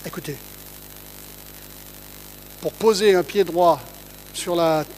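A man's voice: sits high, takes it slowly, darkish tone, slight background noise, low-quality recording. A man giving a conversational Bible teaching, reading verses aloud and often checking in with his listeners. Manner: asks listeners to check in, reads scripture aloud.

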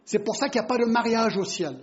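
A man delivers a Bible teaching in an explanatory way, often asking his listeners rhetorical questions. His voice sits high for a man. The recording sounds dull and lo-fi. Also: fast talker.

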